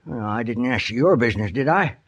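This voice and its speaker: This radio western casts a male actor as a sly, cantankerous old outlaw nursing a broken leg. With a mid-range voice and lively intonation, he speaks in a halting, folksy Western drawl full of exclamations, heard through a dull, noisy vintage recording.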